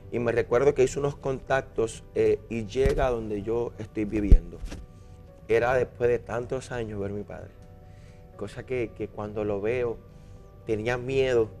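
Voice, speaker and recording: A young Puerto Rican man, a minister, telling his life story in an interview, earnest and halting with many restarts. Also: on the low side, darkish tone. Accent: Puerto Rican Spanish. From Puerto Rico. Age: young adult. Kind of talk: personal testimony interview.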